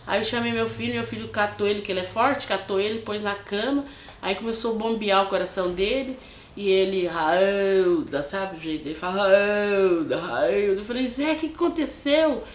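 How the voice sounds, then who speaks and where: A woman's voice: mid-range voice, reverberant, a little hiss or hum. An older woman with a São Paulo state Brazilian accent, telling a personal story in an interview. She acts out the voices she quotes and keeps adding short tag questions. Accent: Brazilian Portuguese, São Paulo state. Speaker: interviewee, widow. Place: her home, indoors.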